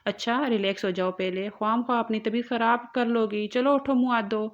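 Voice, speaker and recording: A woman reading the lines of a caring young husband who speaks in a soft, soothing way. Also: a little high, steady tone, close to an everyday voice. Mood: concerned. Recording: muffled lo-fi recording.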